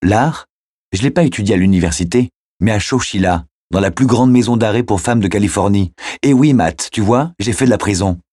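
A man's voice: fairly low pitch, a little fast, dark tone, dry recording, studio quality, pitched above the performer's own voice, lightly acted. A man voicing a stubborn, wounded widower who insists in a raised voice. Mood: bitter, confessing.

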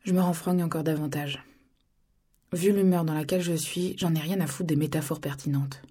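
A woman's voice: sits low, fairly even intonation, normal speed, dark tone, slightly rough. A woman narrating an audiobook in the first person, blunt and crude in tone.

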